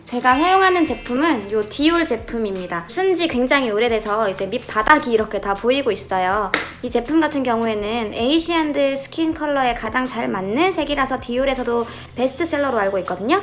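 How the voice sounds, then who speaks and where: A woman in her thirties with a slightly high voice, walking viewers through her daily makeup in a relaxed, gentle way. She talks in easy step-by-step instructions from her home, with soft music playing behind her. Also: moderate pace. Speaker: makeup tutorial host. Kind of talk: casual makeup tutorial.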